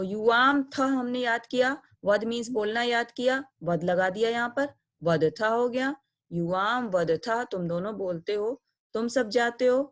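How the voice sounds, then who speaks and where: A woman with a fairly high voice teaches an online grammar lesson. She explains each step patiently and slows right down to recite endings one by one, deliberate and clear. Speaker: Sanskrit teacher.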